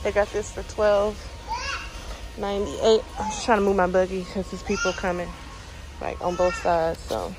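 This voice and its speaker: Filming on a handheld phone in a big, busy store, a young woman shops with her son and casually narrates, reading out items and their prices. She speaks at normal speed with a medium pitch, and the audio is noisy with store background sound.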